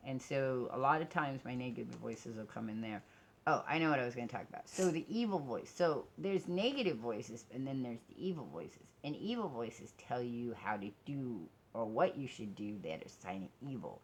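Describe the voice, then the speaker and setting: Talking at a moderate pace with expressive delivery, this vlogger has a remarkably deep voice for a woman. Her informal personal vlog wanders from thought to thought, frequently changing direction mid-sentence, with slight background noise behind her.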